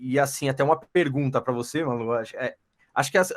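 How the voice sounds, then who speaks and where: A man hosting a casual chat, talking haltingly and reaching for words. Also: mid-range voice. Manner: halting, many fillers and restarts.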